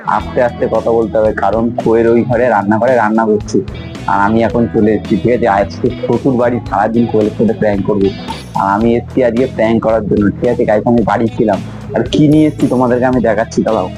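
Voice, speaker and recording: A man's voice: fairly low pitch, fairly even intonation, fast talker, over music. A man chats casually to viewers and teasingly pesters his wife in a home prank vlog. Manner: teasing, insistent, often laughing; talks to viewers, repeating "ঠিক আছে". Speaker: prank vlogger. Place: indoors at a home.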